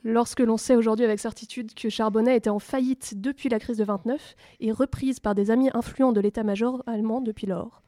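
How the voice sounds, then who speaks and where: Higher-voiced woman with precise, detailed exposition. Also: steady tone, brisk, mellow, no echo, clean studio sound. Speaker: expert guest. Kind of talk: mock-documentary exposition.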